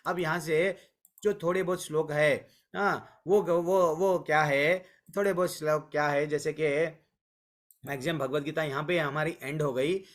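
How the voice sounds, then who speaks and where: A man teaching a devotional scripture class, earnest and coaxing, who repeats words for emphasis and mixes in English words. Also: a little high. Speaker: Bhagavad Gita class teacher.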